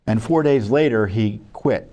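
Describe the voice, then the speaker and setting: An American man, a watchdog group spokesman presenting records, delivers news commentary to camera, partly read and partly ad-libbed, often stumbling and conversationally correcting himself. His voice is lowish, warm and a little slow, and the audio sounds dull.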